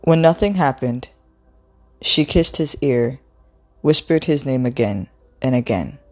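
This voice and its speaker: A woman reading a novel aloud in a slow, expressive storytelling way. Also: very deep voice, faint music behind. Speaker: book reader.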